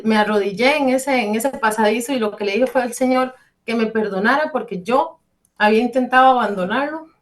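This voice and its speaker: Earnest woman giving a faith testimony. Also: on the high side. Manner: earnest and fervent, addressing listeners directly; storytelling with quoted dialogue. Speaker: church group member giving testimony. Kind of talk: personal faith testimony on radio.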